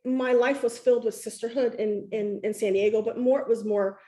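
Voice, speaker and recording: A woman's voice: a little high, steady tone, brisk, warm tone. A woman telling her story over a video call in an effusive, emotional way, with many fillers. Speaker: guest sharing her story. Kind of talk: casual video-call chat.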